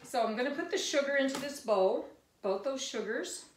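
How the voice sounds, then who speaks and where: A woman's voice: high voice, lively intonation, normal speed, reverberant, recorded from a distance, a little hiss or hum. An older woman from the Missouri Ozarks, chatting her way through a home cooking demonstration with folksy, rambling asides. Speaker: cooking video host.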